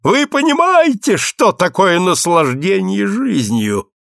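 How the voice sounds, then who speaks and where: A breathless, exalted society lady gushes in high, swooping tones, as a man reading the story puts her on. Her theatrical speech leaps wildly in pitch, with a gravelly edge left in the voice. The recording is dry and close. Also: very animated, slow, fairly bright tone, no room sound, heavily acted.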